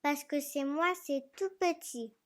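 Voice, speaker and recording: A small, earnest little prince boy played by an actor in a dramatic storybook reading. The voice is very high and childlike, with slow, deliberate delivery. He is solemn and insistent, in a theatrical manner. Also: fairly bright tone. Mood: curious, delighted.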